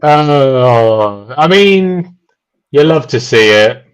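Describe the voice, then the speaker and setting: A man giving relaxed, dry, chatty live commentary on a race, with many pauses and "um"s. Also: mid-range voice, a crowd in the background, low-quality recording. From United Kingdom.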